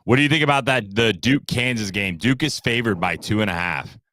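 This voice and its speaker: A man hosting a casual sports talk show, relaxed and hesitant with plenty of fillers. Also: on the low side, brisk.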